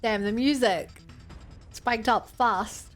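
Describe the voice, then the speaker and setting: A woman's voice: a little high, slow. A woman giving casual playthrough commentary on a game, grumbling about herself in a self-deprecating way. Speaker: game streamer. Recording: music playing behind the voice. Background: game music.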